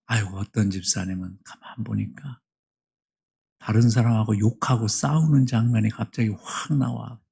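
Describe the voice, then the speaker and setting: A middle-aged man preaching a sermon as pastor in a church, emphatic, swinging between hushed asides and loud appeals. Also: on the low side, steady tone, normal speed, gravelly, husky. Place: church sanctuary.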